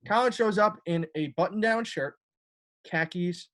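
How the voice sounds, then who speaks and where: Rambling young coach on a call. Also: male voice, high voice, unhurried, a bit bright. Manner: rambling, many fillers and restarts. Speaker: college lacrosse assistant coach. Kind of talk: casual talk on a video call. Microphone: video call.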